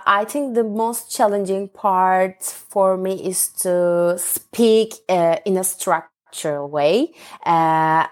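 A woman in her thirties from Turkey, a Turkish native speaker, answering interview questions in English with a hesitant, filler-heavy manner. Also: on the low side. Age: 30s. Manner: hesitant, frequent "uh", laughs easily. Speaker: interview guest, English student. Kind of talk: casual interview chat.

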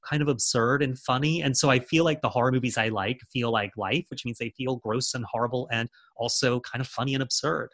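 A man's voice: medium pitch, steady tone, fairly quick, few pauses, fairly bright tone. A man talking as an author and screenwriter in a casual interview, rambling with lots of fillers and restarts.

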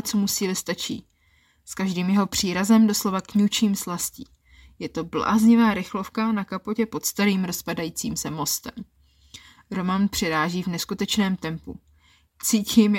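A woman telling a first-person erotic story in a calm, intimate storytelling manner. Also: mid-range voice.

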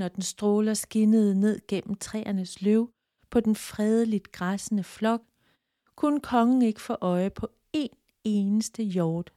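A woman reading a fable aloud in a calm, measured storytelling voice. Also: mid-range voice, no room sound, studio quality.

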